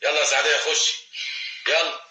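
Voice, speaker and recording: An actor playing a bossy middle-aged man with an Egyptian accent, briskly commanding a group. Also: fairly high pitch, flat delivery, pushed and bright, reverberant, low-quality recording. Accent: Egyptian Arabic. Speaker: man running a test to find a thief.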